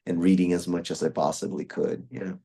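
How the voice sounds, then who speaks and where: In a casual interview, a young voice actor from Brazil speaks a little fast in a low, dark, husky voice that's creaky and barely moves in pitch. His talk wanders, full of fillers and frequent sentence restarts.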